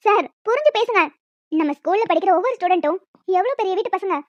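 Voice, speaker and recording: A performer voicing a stern, snobbish schoolteacher in a cartoon, cold and haughty. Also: female voice, extremely high pitch, lively intonation, fast, dry recording. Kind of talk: cartoon voice acting. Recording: dull lo-fi dry recording.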